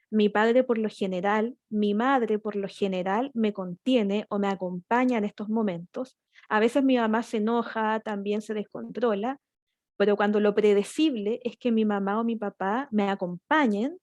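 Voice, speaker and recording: A woman's voice: a little high, darkish tone, no echo, clean studio sound. A woman giving an explanatory seminar talk on child development, using metaphors and rhetorical questions, and speaking to parents as a fellow parent.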